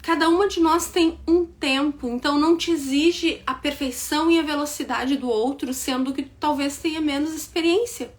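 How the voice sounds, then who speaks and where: A woman with a bright, high voice and a southern Brazilian accent leads an online business lesson. She talks straight to her audience and keeps checking in with a quick "tá?". Now and then she acts out excuses in a quicker, higher voice. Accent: southern Brazilian, Rio Grande do Sul. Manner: direct, repeats points with "tá?" check-ins. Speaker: business mentor. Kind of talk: online class to women entrepreneurs.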